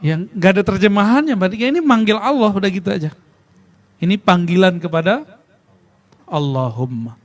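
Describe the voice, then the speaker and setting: A man giving an informal religious lesson, talking conversationally, quizzing his listeners and chanting Arabic phrases slowly. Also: high-pitched, expressive. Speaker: preacher teaching a study circle.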